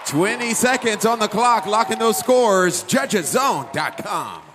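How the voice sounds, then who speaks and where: A man working as a shouting hype stadium announcer, one of a duelling pair, drawing out names and catchphrases to rouse a crowd. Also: high-pitched, expressive, slow pace. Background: stadium music and cheering crowd.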